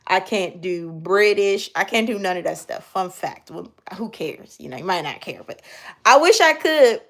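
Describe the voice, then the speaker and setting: A woman's voice: mid-range voice, lively intonation, moderate pace. A young woman, chatting casually on a live stream, reading comments and talking straight to her viewers in slangy speech. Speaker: livestream host.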